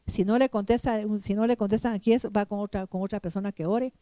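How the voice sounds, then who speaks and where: A woman's voice: mid-range voice, steady tone, quick pace, dark tone, no echo. A woman pastor preaching a sermon, emphatic and repetitive, often putting questions straight to the congregation. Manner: emphatic, repeats phrases, questions the congregation directly.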